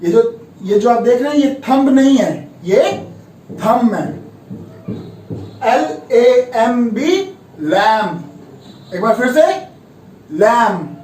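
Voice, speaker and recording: A man teaching English pronunciation in a video lesson, spelling words out letter by letter and repeating each one slowly. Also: extremely high pitch, lively intonation, darkish tone, roomy sound, recorded from a distance, low-quality recording. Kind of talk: classroom-style video lesson. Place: room with a board beside him.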